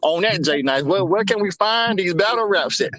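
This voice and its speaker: A man hosting a casual talk show, upbeat and giving shout-outs in slang. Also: sits high, lively intonation, moderate pace. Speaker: podcast host.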